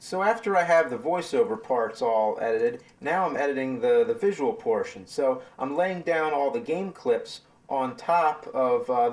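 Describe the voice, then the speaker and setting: A relaxed man giving a casual behind-the-scenes walkthrough of his editing process. He rambles loosely and leans on fillers as he goes, at an ordinary, mid-range pitch. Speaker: video creator explaining his editing.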